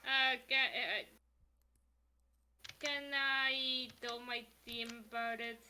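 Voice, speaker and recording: A woman at a tabletop game with a high, bright voice that giggles often. She chats casually and keeps checking the rules with the game master. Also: level tone, slow, slight background noise. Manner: giggly, asks rules questions. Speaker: player.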